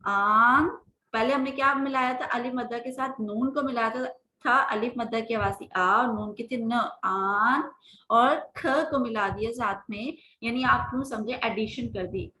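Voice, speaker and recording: A woman's voice: a little high, fairly even intonation, measured pace, sharp tone, reverberant, slight background noise, poor audio. A woman teaching Urdu letter sounds to beginners, patiently drawing out each sound and checking in with "theek hai". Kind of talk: slow phonics lesson with slides.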